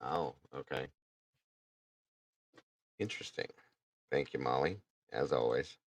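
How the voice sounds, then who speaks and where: A man's voice: a bass voice, slow pace, no room sound. A man hosting a casual true crime talk, blunt and indignant, swearing now and then. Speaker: true crime podcast host. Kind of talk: casual chat.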